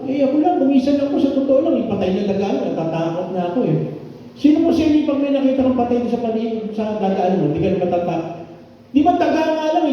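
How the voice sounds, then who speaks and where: A man's voice: very high voice, a little hiss or hum. An older man preaching a Sunday sermon in a conversational way, often asking the congregation questions, in a church hall. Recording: echoey, dull hall sound from far off.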